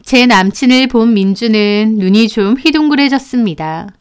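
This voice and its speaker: A woman narrates a scripted first-person story in an even, steady storytelling voice. Her voice is smooth and clear and sits a little high. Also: normal speed.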